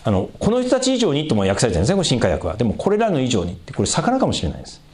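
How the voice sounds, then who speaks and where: A male pastor preaching in an easy, conversational way. His pitch rises and falls sharply as he stresses points. He turns to the congregation with questions between points. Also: racing. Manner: lively pitch swings for emphasis. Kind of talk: sermon.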